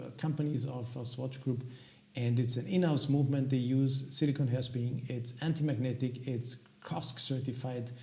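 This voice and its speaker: A man from Austria with an Austrian accent and a gravelly voice, casually presenting products to viewers as a video host in halting, hesitant phrases. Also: mid-range voice, dark tone. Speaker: watch review video host.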